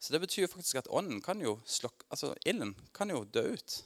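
Chatty male preacher speaking to a congregation. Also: on the high side. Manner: informal and chatty, with filler words and restarts, laughing often; grows loud and excited while telling his story. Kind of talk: conversational sermon with personal testimony. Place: church.

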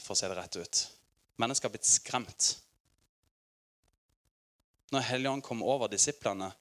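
A Norwegian man in his forties preaching to a congregation. He tells his stories with animated energy, laughs often and acts out little voices, all at an ordinary middle pitch. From Norway. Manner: lively storytelling with laughter, acted quotes. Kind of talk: sermon.

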